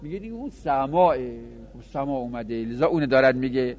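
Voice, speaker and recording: A man teaching a grammar lesson to seminary students, chanting example words slowly and then explaining them in quick asides. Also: mid-range voice, a little mellow, dull audio, faint music behind. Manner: addresses students directly, with small laughs. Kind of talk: classroom lecture on Arabic grammar.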